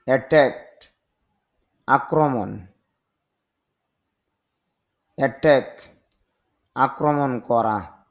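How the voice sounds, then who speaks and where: A man's voice: mid-range voice, drawn-out words. A Bengali-speaking man teaching English vocabulary, reading each word and its meaning and pointing out how to stress and stretch sounds. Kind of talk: slow word-by-word vocabulary lesson.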